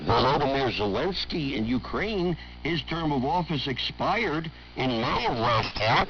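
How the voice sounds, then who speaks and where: A man hosts a live call-in talk radio show with a smooth radio host delivery, his medium voice rising and falling with lively swings. He is assertive and pushes back on callers. The sound is dull and lo-fi, with a faint hiss underneath. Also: medium pitch, unhurried. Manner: assertive, argues over callers.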